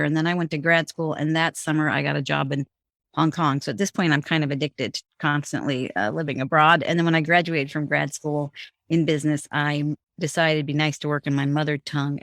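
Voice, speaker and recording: With a deep yet fairly bright voice, a middle-aged former bank executive answers interview questions as a show guest, recounting her career in a conversational way with frequent restarts. The audio is studio quality with no echo.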